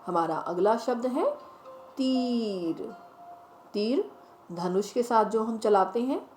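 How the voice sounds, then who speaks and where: A woman teacher leading a children's phonics lesson, speaking directly to the children and drawing each word out slowly as she repeats it. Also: medium pitch. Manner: slow, drawn-out word repetition. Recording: roomy echo, faint music behind.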